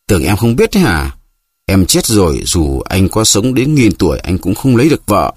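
A man's voice: fairly low pitch, sing-song, normal speed, a little mellow, breathy edge, dry recording, clean studio sound. A man voicing a jealous, tearful wife who keeps accusing her husband, in a reproachful, whining way.

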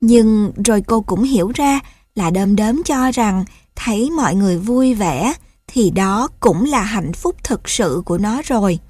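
Female storybook narrator, slow, gentle, dry close sound. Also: medium pitch, animated, breathy edge, dry recording.

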